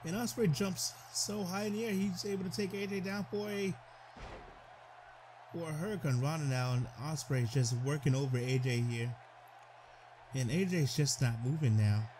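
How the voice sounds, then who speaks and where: A man giving excitable play-by-play commentary over a wrestling video game, stumbling over his words and calling out to the wrestlers. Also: a little high, normal speed, slight background noise.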